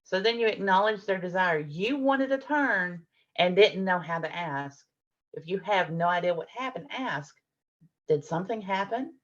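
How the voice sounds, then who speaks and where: At a parenting workshop, a middle-aged woman gives warm explanations through patient examples, voicing what adults and kids might say. She speaks at a moderate pace in a voice on the low side, with the highs missing from the audio.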